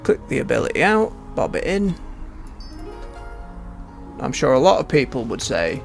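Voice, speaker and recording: A man's voice: mid-range voice, big pitch swings, normal speed, creaky. A man giving rambling, understated casual commentary as he plays a game. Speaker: game streamer. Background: game music.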